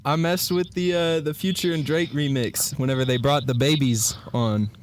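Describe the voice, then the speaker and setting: A man's voice: a little high, fairly even intonation, normal speed, a little hiss or hum. A man co-hosting a podcast, telling stories in a rambling way and filling them with "like". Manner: rambling storyteller, heavy use of "like". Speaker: podcast co-host. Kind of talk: casual sports and music chat.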